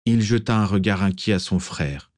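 A man narrating a story as an audiobook, steady and expressive. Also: lowish voice, moderate pace, dry recording, studio quality.

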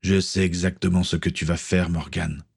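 A man's voice: deep voice, flat delivery, moderate pace, vocal fry, breathy edge, full character voice. A man voicing a stern middle-aged pirate captain, an uncle who speaks with firm authority.

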